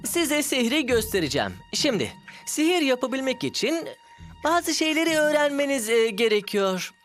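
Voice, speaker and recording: Woman voicing a young frost boy, high voice, quick-witted, cartoon dub, music underneath. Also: very animated. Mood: coaxing. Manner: quick-witted, coaxing instructions.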